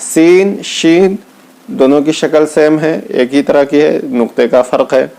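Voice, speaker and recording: A man with speech teaches Arabic letters one by one. He draws each letter name out slowly, then explains patiently in a smooth, clear voice that sits a little high. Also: steady tone, dark tone. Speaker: Quran reading teacher. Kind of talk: slow step-by-step lesson.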